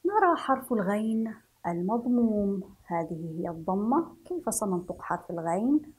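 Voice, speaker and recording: A woman from Yemen teaching a children's reading lesson, spelling syllables slowly and repeating each word for the class to follow, with gentle praise. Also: medium pitch, sing-song, breathy edge. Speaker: primary school teacher.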